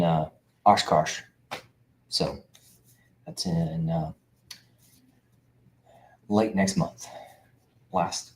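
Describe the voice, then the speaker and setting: A man's voice: sits low, darkish tone. A middle-aged man hosting a show for veterans, talking casually to camera in an emphatic, preachy way, repeating himself with lots of uhs. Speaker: veterans' benefits coach and show host. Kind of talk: casual direct-to-camera monologue.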